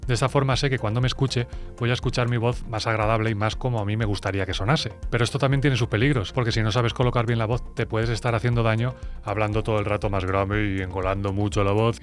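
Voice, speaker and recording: A man from Spain who works as a music producer, explaining sound and recording in a chatty, direct way to his viewers. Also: fairly low pitch. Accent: Spain Spanish. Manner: brisk, chatty and explanatory, speaking straight to viewers. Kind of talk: explainer video.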